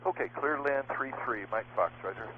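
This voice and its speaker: Pilot over the radio, man, hesitant and halting, phone-thin radio sound, mid-pitched. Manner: hesitant, halting, with many fillers. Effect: pilot heard over an air traffic radio. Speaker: single pilot in an emergency. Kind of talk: radio calls with air traffic control. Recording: narrow, tinny radio transmission.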